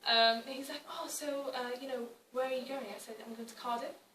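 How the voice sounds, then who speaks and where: A young woman with a British accent speaks at a public talk in a conversational, wry way, often restarting her sentences. Her voice is fairly high and bright. It sounds a little distant in an echoey hall. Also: steady tone, fairly quick, a little hiss or hum. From Wales. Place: arts centre hall.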